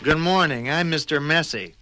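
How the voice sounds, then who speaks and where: A man's voice: on the high side, moderate pace, bright, forceful tone, voice pushed up. A man voicing a messy, easygoing storybook fellow who sounds hesitant and bewildered. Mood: cheerful. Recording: children's storybook record with music behind.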